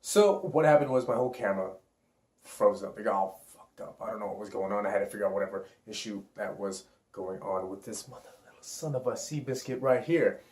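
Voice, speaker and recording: A man's voice: on the low side, fairly quick, darkish tone. A man who works as a self-awareness coach, talking in a rambling, profane, hyped-up motivational vlog. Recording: roomy echo.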